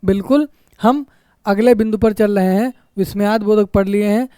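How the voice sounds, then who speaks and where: A mellow, softly rounded voice of a grammar teacher running an exam-prep lesson. Points come back again and again, each followed by a checking "isn't it?", with short exclamations acted out as examples. The recording is close and dry, with almost no room around it. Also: medium pitch, fairly even intonation, normal speed, clear, resonant tone, no echo. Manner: repetitive, keeps asking "isn't it?" tag questions. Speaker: Hindi teacher.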